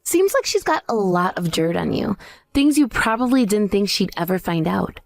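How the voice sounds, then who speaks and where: A woman's voice: medium pitch, sing-song, moderate pace, creaky, no echo. A woman playing a cool, scornful wife out for revenge in a dramatized story. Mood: taunting. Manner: taunting, cool. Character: scornful, vengeful pregnant ex-wife, coolly triumphant. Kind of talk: dramatized story dialogue and narration.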